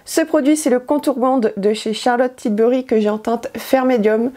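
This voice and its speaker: A woman's voice: on the high side, fairly even intonation, normal speed, mellow. A woman chatting casually through a makeup tutorial, hesitant with many fillers. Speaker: beauty vlogger.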